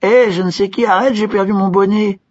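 A man voicing a simple-minded young peasant hero, calling out in a high excited voice. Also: unhurried, slightly rough, heavily acted. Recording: dull lo-fi recording.

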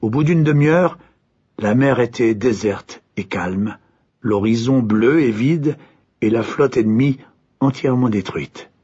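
Husky male storybook narrator. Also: medium pitch, a little slow, mellow, highs cut off.

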